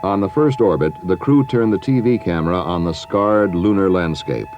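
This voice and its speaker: A middle-aged man reading scripted documentary narration in a measured way with dramatic pauses. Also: sits low, muffled recording. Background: background music.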